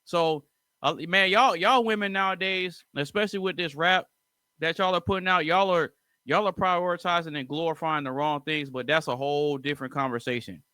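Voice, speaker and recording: Man with a bright, clear voice. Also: fairly high pitch, moderate pace, no echo, studio quality. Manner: opinionated, talks straight to the viewers, lecturing asides. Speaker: music reaction host. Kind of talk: casual album reaction commentary.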